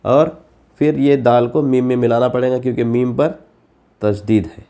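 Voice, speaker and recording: A man teaching Quran reading, spelling syllables slowly one by one and then explaining the rules in quicker asides. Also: mid-range voice, steady tone, dark tone. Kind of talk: slow letter-by-letter spelling lesson.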